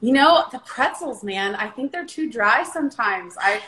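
A woman's voice: fairly high pitch, expressive, moderate pace, sharp tone, roomy sound, poor audio. A woman in her thirties, a podcast guest, talking in an easygoing, chatty way. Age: 30s. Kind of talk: casual chat.

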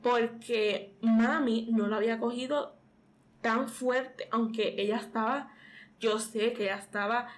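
A woman's voice: fairly high pitch, steady tone, unhurried. A young woman from Puerto Rico with a Puerto Rican accent tells an emotional personal story as an interview guest. She rambles with many fillers and re-enacts the dialogue. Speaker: interview guest, pastor's daughter. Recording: faint background noise.

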